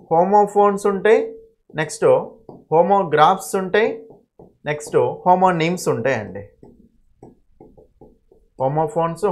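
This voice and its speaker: A young male English teacher, explaining exam grammar step by step and checking often with "okay?". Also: high voice. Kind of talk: exam-prep grammar lesson.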